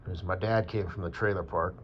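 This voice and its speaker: A man's voice: low-pitched, fairly even intonation, brisk, slight background noise. A man from Wyoming talking in a rambling, casual monologue, meandering with fillers and swearing. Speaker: vlogger. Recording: dull lo-fi with faint ambience.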